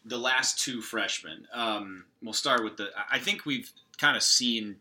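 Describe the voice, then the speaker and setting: A man's voice: medium pitch, unhurried, bright, forceful tone. A man co-hosting a sports podcast, breaking down a team's rotation in casual chat with frequent fillers. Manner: analytical, lots of hedging fillers. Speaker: podcast co-host.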